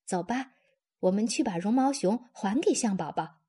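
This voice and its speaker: A woman's voice: mid-range voice, expressive, normal speed, natural voice. A woman reading a storybook, voicing a cheeky young prankster cousin who talks in a teasing, cheerful way.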